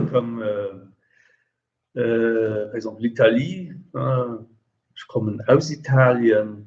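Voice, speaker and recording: A man teaching a language lesson, explaining slowly with many hesitations and repeating example phrases. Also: medium pitch. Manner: slow, hesitant, many fillers. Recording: dull lo-fi recording.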